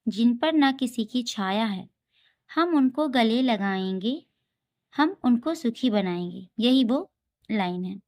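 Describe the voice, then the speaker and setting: A woman tutor with a slightly high voice walks through homework answers at an unhurried pace. She reads each question aloud, then explains the answer step by step, like a patient teacher.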